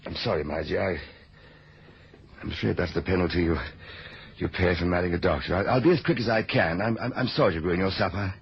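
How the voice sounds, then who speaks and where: A man playing a kindly, weary older doctor in a radio drama, speaking gently and haltingly. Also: low voice, gravelly. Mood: apologetic, weary. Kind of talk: old-time radio drama acting. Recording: noisy, muffled old radio recording.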